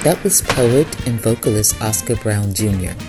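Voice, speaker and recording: Female broadcast presenter, measured delivery, very deep voice. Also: expressive, over music. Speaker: radio host.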